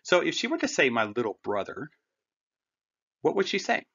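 A man's voice: on the high side, wildly swooping pitch, normal speed, vocal fry, a bit bright, husky. A man teaching a German lesson, patient and conversational, explaining with everyday comparisons. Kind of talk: classroom language lesson. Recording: dull lo-fi recording.

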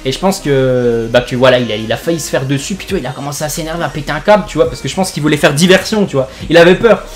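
A man's voice: on the high side, very fast. A young man from France, a gaming YouTuber, tells a made-up joke story over gameplay in rambling, jokey slang full of fillers.

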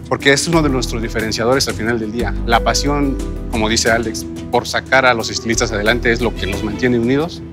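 Steady Mexican founder explaining. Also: male voice, mid-range voice. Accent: Mexican Spanish. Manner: steady, earnest. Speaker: entrepreneur pitching a business. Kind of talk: business pitch on TV.

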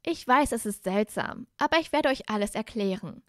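A woman's voice: on the high side, expressive, moderate pace, dry recording, studio quality, close to an everyday voice. A woman reading a storybook aloud and voicing a timid, earnest young witch in a raised, tentative voice.

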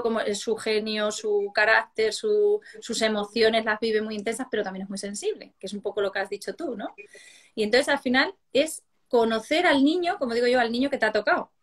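A woman, hosting a casual chat interview, telling anecdotes in a chatty, animated way. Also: a little high. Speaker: host. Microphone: video call.

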